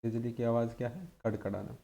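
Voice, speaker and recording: A man with a dark, mellow voice teaching an exam-prep lesson. He keeps asking short questions and answers each one himself in a steady drilling rhythm. His pitch sits in an ordinary middle range. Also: fast, creaky.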